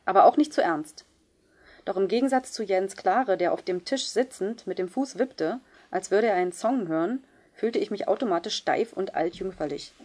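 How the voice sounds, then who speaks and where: A woman reading a first-person novel aloud in a measured, subdued way. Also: mid-range voice, a little mellow. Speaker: audiobook reader. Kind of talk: scripted first-person narration.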